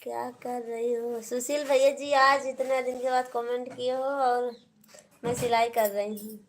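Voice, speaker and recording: A woman's voice: a little high, little pitch movement, unhurried. A woman with an Awadhi accent hosting a casual live stream, chatting with viewers and teasing them in a sisterly way. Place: indoors at home. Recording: loud background noise.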